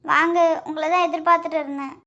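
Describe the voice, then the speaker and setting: A woman voicing Jeni, a squeaky panicky cartoon wife. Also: little pitch movement, fast, sharp tone. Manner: panicky, stammering. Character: anxious young wife, frightened. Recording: dull lo-fi audio.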